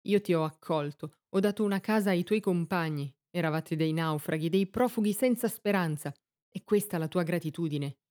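A woman's voice: lowish voice, moderate pace, a little mellow, lightly acted. A woman reading the lines of a betrayed, heartbroken queen in an impassioned, reproachful way. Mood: angry. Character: heartbroken queen Dido, betrayed by her lover.

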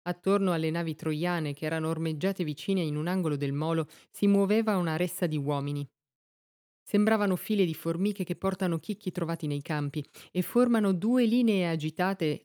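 Low, mellow woman reading a story. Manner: measured, expressive reading. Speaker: narrator. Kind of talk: scripted storybook narration.

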